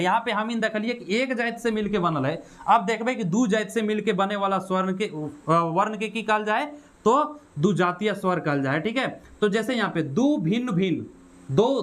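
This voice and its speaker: A man with a Khortha accent, his voice sitting fairly high for a man, teaches an exam-prep grammar lesson over slides. He explains step by step, poses questions and answers them himself, and keeps checking in with his listeners. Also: fairly bright tone. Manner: explains step by step, asks and answers own questions, frequent "है ना" and "ठीक है".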